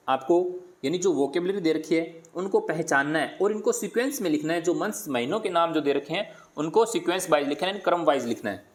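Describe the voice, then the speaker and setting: A man teaching primary pupils, slowly repeating words and sounding them out, asking questions and answering them himself. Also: fairly high pitch. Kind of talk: worksheet lesson for primary pupils.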